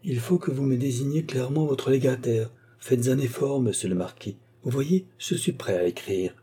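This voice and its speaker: A man's voice: mid-range voice, normal speed, mellow, slightly rough, pitched above the performer's own voice, close to an everyday voice. A man voicing an earnest, formal middle-aged notary who speaks in careful legal phrases. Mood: insistent.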